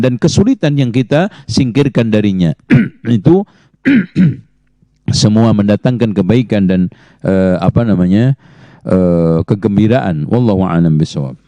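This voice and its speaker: A man answering religious questions as a teacher, in a measured, explanatory way that cites Arabic sayings. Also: mid-range voice, mellow, no room sound. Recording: muffled lo-fi audio.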